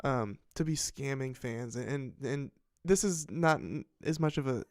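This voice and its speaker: A man's voice: medium pitch, lively intonation, measured pace, a little mellow, dry recording, studio quality. Rambling, swearing man hosting a commentary show. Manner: rambling, profane, self-interrupting; reads headlines aloud and reacts. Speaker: podcast host.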